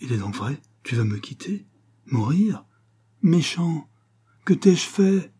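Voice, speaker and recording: A man reading an audiobook, voicing a tearful and passionately loving young wife with raised pitch and breathless whispered phrases. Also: big pitch swings, takes it slowly, warm tone, slightly rough, full character voice.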